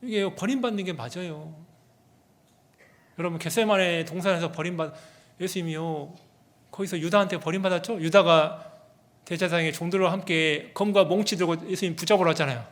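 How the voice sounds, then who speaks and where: A man preaching a sermon as pastor, animated and asking the congregation rhetorical questions. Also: high-pitched, brisk. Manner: animated, acts out quoted people in their own voices.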